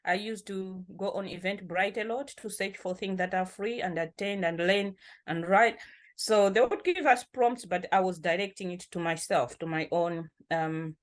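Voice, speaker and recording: A woman from Malawi talks about her life and writing in an easygoing interview. Her voice sits at a middle pitch. She laughs readily and often repeats a word before finding the next thought. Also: steady tone, moderate pace. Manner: warm, laughs often, repeats words while thinking. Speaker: poet and activist guest. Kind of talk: casual interview talk.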